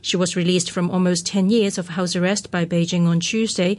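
A woman's voice: on the low side, level tone, normal speed. A woman presenting the news on radio, reading from a script.

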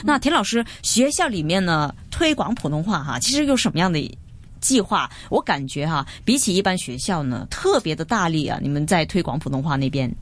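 A female radio host with a slightly low voice. She presents chattily and ends many phrases on soft particles. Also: big pitch swings, brisk.

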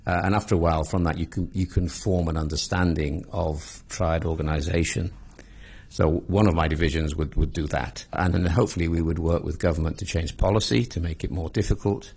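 Deep gravelly older Englishman, dry humour. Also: steady tone, darkish tone. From England. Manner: measured, dry understated humour. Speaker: guest, former police intelligence commander. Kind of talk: casual interview answers.

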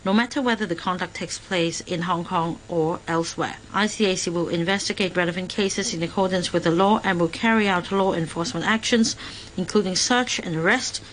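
A woman heard as a live interpreter voice speaking for an official, in formal, measured and carefully phrased interpretation. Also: mid-range voice, slight background noise, poor audio.

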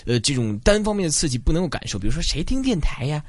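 Man, talk show host, quick pace, swooping intonation, teasing, casual. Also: a little high, very animated, no room sound. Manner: teasing, bantering. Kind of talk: casual interview hosting.

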